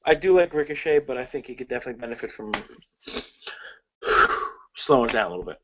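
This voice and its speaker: A man's voice: medium pitch, very animated, brisk, a bit bright, lo-fi sound, slight background noise. A man co-hosting a podcast in casual chat, rambling and swearing with frequent restarts. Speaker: podcast co-host.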